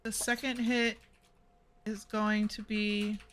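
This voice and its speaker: A woman playing a tabletop game, animated, laughing and swearing often. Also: mid-range voice, takes it slowly, slight background noise. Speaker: player.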